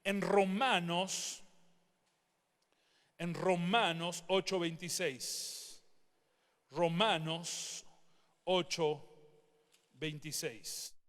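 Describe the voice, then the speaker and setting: A man preaching a sermon with emphatic delivery, rising to shouts and asking the listeners questions. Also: high voice, steady tone, very slow, long pauses, long reverb tail. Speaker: pastor.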